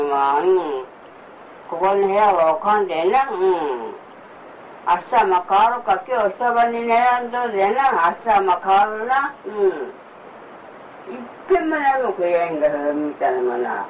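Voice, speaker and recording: A woman's voice: mid-range voice, slight background noise. Older woman grumbling, far from mic. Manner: grumbling, repeating complaints. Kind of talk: home recording, grumbling talk. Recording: distant, dull home recording.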